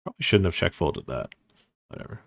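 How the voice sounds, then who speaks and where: Gravelly, swearing poker streamer. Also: male voice, sits low, sing-song, brisk, fairly bright tone. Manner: swears freely, self-mocking, thinks aloud. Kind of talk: casual live-stream commentary.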